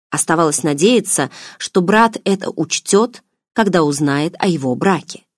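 A woman reading an audiobook novel in an even, measured way. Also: lowish voice, no room sound, clean studio sound. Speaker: audiobook narrator. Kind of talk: scripted audiobook narration.

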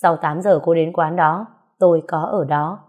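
A woman's voice: fairly low pitch, steady tone, moderate pace, darkish tone, close to an everyday voice. A woman reading a story aloud, voicing a cold, stern middle-aged man who speaks in curt phrases.

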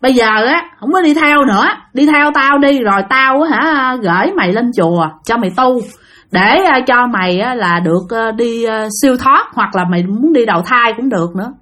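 A woman's voice: fairly high pitch, lively intonation, normal speed, fairly bright tone. Woman doing a stern scolding exorcist master. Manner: scolding, threatening.

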